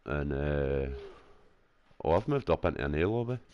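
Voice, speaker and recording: Deep-voiced Scottish man chatting casually. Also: lively intonation, moderate pace, darkish tone, no echo, muffled recording. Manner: laughs a lot, swears, chatty and loose. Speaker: gaming streamer. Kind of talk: casual chat while racing. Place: room at home with his dog. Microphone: headset.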